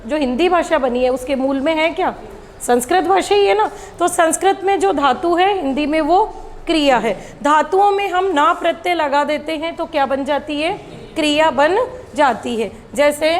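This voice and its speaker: A woman with a high voice teaches a grammar lesson, asking questions and answering them herself. The sound carries a long echo from the room, with a faint hum behind her.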